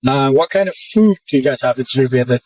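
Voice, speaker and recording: A man's voice: medium pitch, fairly quick, distant mic, rough recording. A man interviewing a passenger, asking short questions and giving brief upbeat reactions. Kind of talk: casual street interview.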